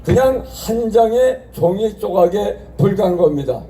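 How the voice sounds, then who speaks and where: A man giving a rousing, declamatory political rally speech in a propaganda broadcast manner, shouting slogans and putting rhetorical questions to the crowd. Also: sits high, animated, unhurried. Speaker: rally speaker, association chairman. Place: outdoor street rally over loudspeakers. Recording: echoing outdoor PA, distant, faint music.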